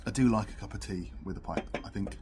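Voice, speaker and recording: British male reviewer, relaxed dark tone, informal delivery between puffs with pipe in mouth, slightly noisy camera-mic sound. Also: on the low side, fast. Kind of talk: casual chat review to camera. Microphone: built-in camera microphone. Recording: noisy camera audio without separate microphone.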